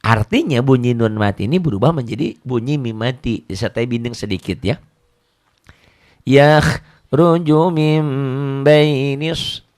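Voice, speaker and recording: Man, middle-aged, Quran reading teacher, casual joking lessons, repeats himself, medium pitch. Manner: relaxed, joking, repeats words, recites verses slowly.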